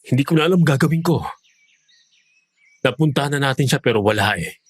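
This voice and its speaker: A man's voice: mid-range voice, animated, a little fast, breathy edge, no echo. A man voicing a worried, anxious husband in an audio horror drama. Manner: anxious, pleading, shouts when upset. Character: worried husband, the maid's boss.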